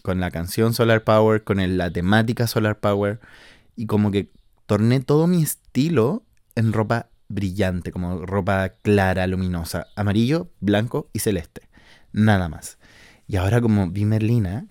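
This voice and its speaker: At a normal speed, a lowish and slightly mellow voice comes through in a dry recording with clean studio sound. The speaker, a Chilean man in his twenties, hosts a podcast from his countryside house, chatting in a casual monologue marked by slang, swearing, and many fillers.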